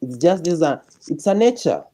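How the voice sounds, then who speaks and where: A man's voice: on the high side, sing-song, moderate pace, mellow. A man with a Kenyan accent chatting casually and telling stories, switching between Swahili and English. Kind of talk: casual chat, storytelling.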